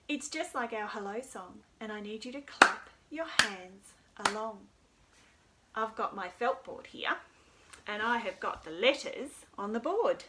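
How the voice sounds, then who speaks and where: With background noise behind her, a woman leading a children's library storytime speaks in a high-ish, melodic voice. She keeps her phrases simple and her tone encouraging.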